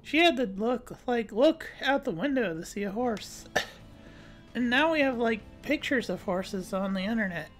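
A woman's voice: on the high side, animated, moderate pace, soft background music. A woman hosting a let's play, chatting casually and reading dialogue aloud with frequent giggles. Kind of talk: casual gameplay commentary.

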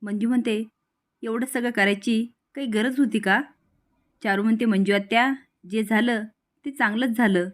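A woman's voice: on the high side, fairly even intonation, moderate pace. A woman recounting a TV serial episode, reading each character's lines in her own voice.

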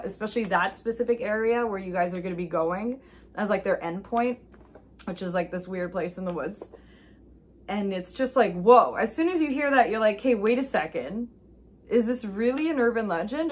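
A young woman reviewing horror films in a casual vlog, chatty and full of fillers, telling the plot with animated asides. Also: medium pitch.

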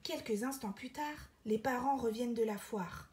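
A woman reading a children's picture book aloud with lively expression, dropping to soft whispers in quiet passages. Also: a little high, moderate pace.

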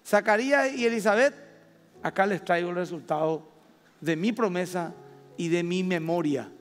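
A man with a Paraguayan Spanish accent preaching a sermon as pastor, stressing words slowly and rising loud at his high points. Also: faint music behind. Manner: emphatic preaching with slow drawn-out stresses and sudden loud rises. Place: church hall. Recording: long reverb of a church hall.

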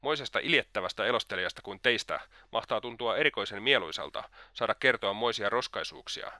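A man's voice: on the low side, lively intonation, pushed and bright, no room sound, clean studio sound. A man voicing Raskolnikov, a scornful, agitated young man. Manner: scornful, indignant.

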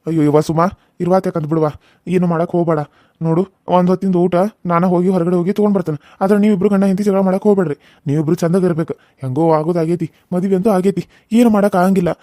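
A man's voice: sits high, fairly even intonation, racing, mellow, no echo, studio quality, lightly acted. A man voicing a village father-in-law in a cartoon serial who lectures the couple, with a North Karnataka Kannada accent. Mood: pleading. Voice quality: lecturing, scolding. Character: scolding fatherly village elder.

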